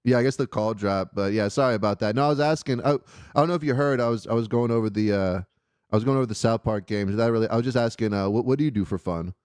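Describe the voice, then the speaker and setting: A man's voice: on the low side, quick pace, darkish tone, smooth, no echo, studio quality. A man hosting a call-in show, asking questions eagerly with lots of fillers. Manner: eager, rambling, many fillers. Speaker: host. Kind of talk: casual call-in interview.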